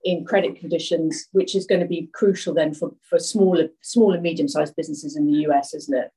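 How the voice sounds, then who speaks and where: Husky-voiced podcast host interviewing. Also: medium pitch, steady tone, brisk, mellow, low-quality recording. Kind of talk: conversational interview.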